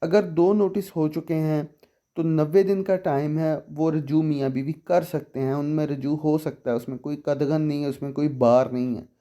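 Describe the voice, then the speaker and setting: A man explaining a law section by section. He reads the statute text slowly, then explains it while asking the listener questions. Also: fairly high pitch, mellow. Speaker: legal explainer.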